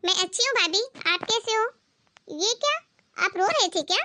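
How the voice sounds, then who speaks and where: A woman's voice: very high-pitched, expressive, moderate pace, pushed and bright, dry recording, voice pushed up, exaggerated voice. A woman voicing a kind young married woman who talks with concerned insistence in a cartoon story. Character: kind caring young married sister-in-law.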